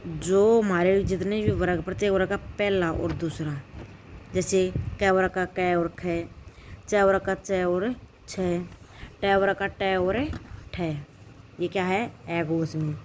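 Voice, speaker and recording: A woman's voice: lowish voice, fairly even intonation, slow pace, a little mellow, slight background noise. A woman teaching a grammar lesson, repeating herself and asking and answering her own questions.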